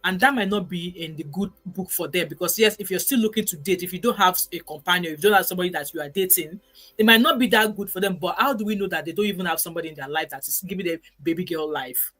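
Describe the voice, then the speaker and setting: Nigerian woman in her forties, live-stream host, quick emphatic chat, bright forceful voice. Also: lowish voice. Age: 40s. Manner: chatty, emphatic, drops in pidgin words. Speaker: live-stream host reading viewer comments. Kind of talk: casual live-stream commentary.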